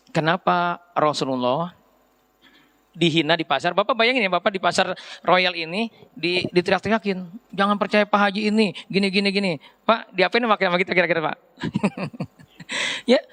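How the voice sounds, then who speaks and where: Male preacher, high voice, questioning, chatty. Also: moderate pace, long pauses. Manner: lively, asks the audience questions. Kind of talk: sermon.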